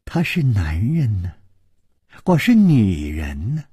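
A man's voice: on the low side, huge pitch swings, takes it slowly, mellow, no echo, clean studio sound, pitched below the performer's own voice, heavily acted. A man putting on a coy, teasing young woman. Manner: coy, purring, slips into breathy whispers. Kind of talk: audiobook character voice.

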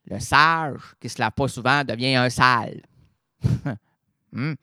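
A man's voice: medium pitch, slow pace, bright, forceful tone, dry recording, clean studio sound. A man hosting a radio show, rambling playfully through a comic retelling full of wordplay and stammered restarts. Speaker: radio host. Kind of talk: absurd comic storytelling on radio.

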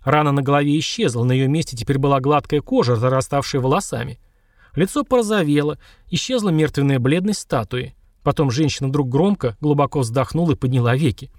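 A man's voice: fairly quick, no echo, clean studio sound. A man reading a fantasy novel aloud in scripted narration, lifting his voice for the characters' lines. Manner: raises pitch for dialogue, steady narrating. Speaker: audiobook narrator.

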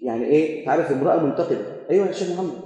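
A man with an Egyptian Arabic accent preaching a sermon, telling stories and acting out the exchanges, swinging between loud and hushed. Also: a little high, racing. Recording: echoey hall.

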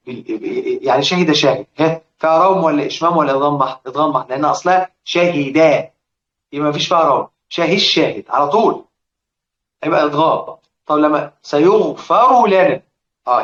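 A man's voice: on the high side, a bit bright, echoey room. Egyptian male recitation teacher, chatty, muffled lo-fi recording. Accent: Egyptian Arabic. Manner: colloquial, addresses students directly, repeats examples in drawn-out recitation. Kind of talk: explaining a classical text on recitation.

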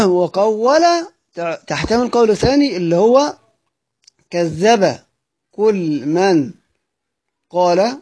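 A man with an Egyptian Arabic accent teaches Quran recitation rules from a classical text. He repeats phrases slowly, asks questions and answers them himself, and clears his throat often. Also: high voice, animated, warm tone. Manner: repeats words slowly, drawn out for emphasis.

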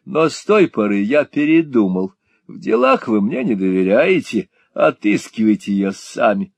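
Male reader as a languid aristocratic schemer for an audiobook, slow drawl with lively pitch swings, dry close sound. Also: creaky, no echo.

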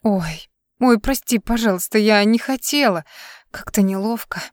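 A woman's voice: mid-range voice, normal speed, dry recording, studio quality, natural voice. A woman reading an audiobook, voicing a drunk young female singer with slurred, wavering speech. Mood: tearful. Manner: slurred, wavering, swallowing letters.

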